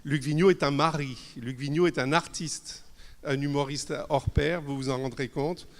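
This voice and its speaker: A man's voice: on the high side, steady tone, normal speed. Man introducing speakers in an echoing hall. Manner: formal, emphatic introducing. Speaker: conference host. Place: conference hall. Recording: reverberant hall.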